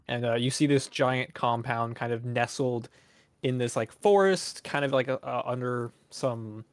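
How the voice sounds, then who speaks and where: A man working as game master, narrating a tabletop game in a halting, informal, improvised way. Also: mid-range voice, dry recording.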